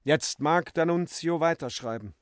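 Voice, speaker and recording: A man narrating a literary radio drama in a measured, expressive voice. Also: a little high, clean tone, no echo, studio quality.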